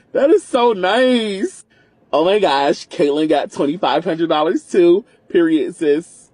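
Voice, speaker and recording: A man in a played social media clip, reacting with exaggerated mock excitement and over-the-top praise. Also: high-pitched, no room sound. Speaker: social media video creator. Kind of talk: sarcastic video commentary.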